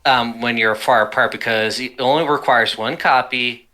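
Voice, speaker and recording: A man's voice: mid-range voice, fairly even intonation, moderate pace, pushed and bright. A young man, a student, chatting casually with friends, rambling with lots of filler words. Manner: rambling, many fillers and restarts. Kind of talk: casual chat.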